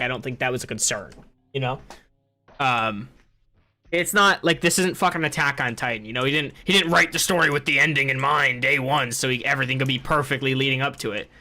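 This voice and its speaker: A man's voice: mid-range voice, bright, forceful tone. A young man hosting a gaming podcast, ranting in casual chat and swearing freely. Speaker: podcast host.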